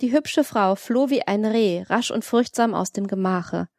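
A woman's voice: mid-range voice, no echo, clean studio sound. Woman narrating a literary audiobook. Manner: measured, even reading.

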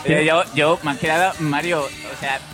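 A man guesting on a casual podcast, speaking with hesitant, halting phrasing. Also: on the high side, fairly even intonation, music in the background.

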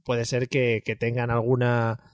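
A man's voice: mid-range voice, monotone, a little slow, dry recording, studio quality. A man with a Castilian Spanish accent co-hosting a podcast in casual, slangy, joking banter. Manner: jokey, slangy. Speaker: podcast co-host.

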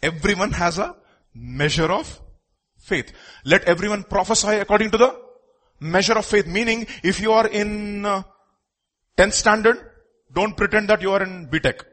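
A man with an Indian accent and a husky voice preaching a sermon emphatically, repeating phrases and posing rhetorical questions. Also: high-pitched, normal speed, a bit bright.

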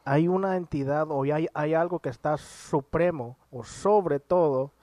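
A man with a fairly high voice chatting on a podcast, quick to argue and act out lines from a show. The sound is dry and close, with no room around it. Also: dry recording. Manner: animated, argumentative, retells scenes with quoted lines. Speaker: podcast co-host. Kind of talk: casual chat.

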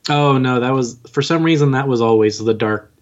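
A podcast guest in his twenties who writes and narrates audio dramas chats casually, modest and informal in his manner. His voice is medium-pitched and brisk, and the audio sounds dull.

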